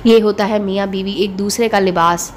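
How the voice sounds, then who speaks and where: A woman narrating a moral story in an even, gentle storytelling manner. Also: medium pitch, moderate pace, a little hiss or hum. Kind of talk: scripted narration.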